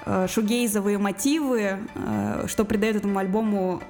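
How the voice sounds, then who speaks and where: A woman's voice: medium pitch, steady tone, moderate pace, darkish tone. A woman guest on a radio show, talking casually about music with lots of fillers and restarts. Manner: hesitant, many fillers and restarts.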